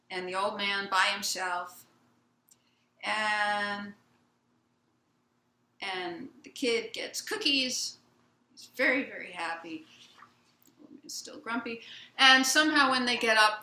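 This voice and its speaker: A woman Zen teacher giving a gentle, unhurried dharma talk in a meditation hall, retelling a children's picture book for her listeners. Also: mid-range voice. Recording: roomy hall sound.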